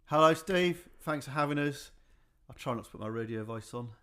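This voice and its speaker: A man speaking as a guest in a radio interview, talking about his music organisation in a relaxed, rambling way with many fillers. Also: mid-range voice, brisk, clean tone.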